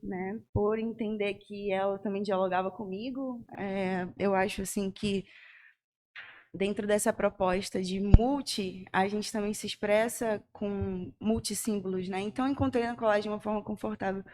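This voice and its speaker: A woman's voice: medium pitch, steady tone, normal speed, a little mellow. A woman from Manaus, a guest artist in a casual podcast conversation, reflecting and thinking aloud. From Manaus, Brazil.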